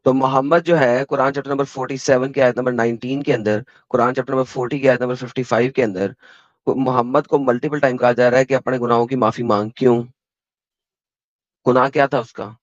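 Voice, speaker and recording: A man with an Indian Hindi accent, hosting a heated online debate and pressing his points with rapid-fire verse references. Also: mid-range voice, steady tone, dry recording. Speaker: debate host. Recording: dull, dry call audio.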